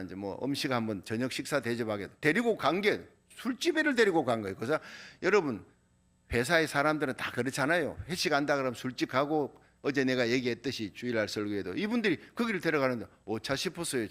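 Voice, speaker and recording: A man's voice: mid-range voice, a bit bright. A middle-aged man preaching a sermon as pastor, telling a personal story with acted quotes.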